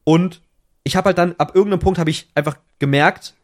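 Young male podcast co-host, slang-heavy storyteller, slightly high voice, lots of self-corrections. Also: brisk. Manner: slangy, restless retelling with many restarts. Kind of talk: casual chat, storytelling.

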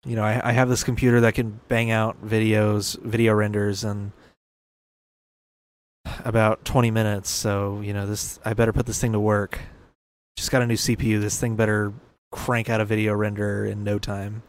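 A man's voice: lowish voice, level tone, moderate pace. A young man in his early twenties hosting a casual solo podcast, rambling and correcting himself, laughing at his own remarks. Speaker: podcast host.

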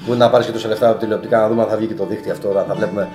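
A man's voice: fairly low pitch, steady tone, a little mellow. A man in his forties, a guest sports journalist, making his points at length in casual podcast chat. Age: 40s. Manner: argues at length, explaining points. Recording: roomy echo with faint music.

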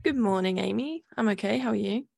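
A woman's voice: medium pitch, brisk, vocal fry, a little mellow, dry recording. A woman co-hosting a podcast in casual chat, giving brief, dry replies. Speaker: podcast co-host.

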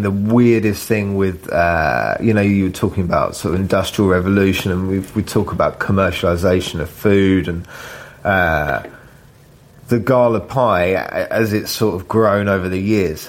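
A man, a chef, chatting casually in an interview with lots of fillers and tag questions. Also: on the low side. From Britain. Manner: relaxed, rambling, with frequent fillers and tag questions. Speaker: chef and cookbook author.

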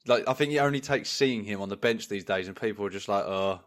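Low-voiced, blunt English football podcaster. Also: male voice, quick pace. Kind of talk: casual football chat.

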